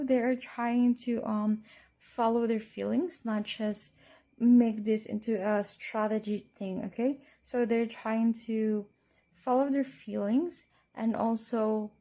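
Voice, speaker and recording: Slow, mellow woman fortune teller reading tarot. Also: a little high. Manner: fortune teller, reading cards and predicting to the listener. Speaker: tarot card reader.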